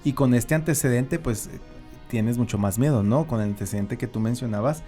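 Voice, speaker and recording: A man's voice: medium pitch, moderate pace, mellow, soft background music. A man co-hosting a podcast in a casual, conversational chat. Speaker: podcast co-host.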